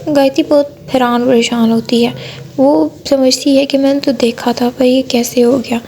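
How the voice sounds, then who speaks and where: A woman's voice: sits high, fairly even intonation, moderate pace, mellow. A woman narrating a cartoon bedtime story, reading steadily with small slips and restarts.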